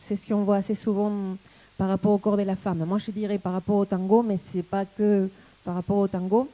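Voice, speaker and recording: An Argentine woman in her forties, a tango dancer and teacher whose first language is Spanish, speaks with an Argentine accent in a mellow mid-range voice. Her delivery is flat, and she reflects on personal matters in a thoughtful, halting way, searching for words.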